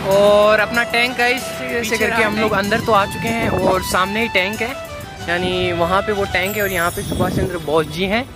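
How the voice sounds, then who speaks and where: A young adult travel vlogger with a high-sitting voice chats to his viewers while walking through city streets and a market, repeating "guys" and "chalo" often. It's outdoor phone audio from a handheld camera at arm's length, with music playing underneath.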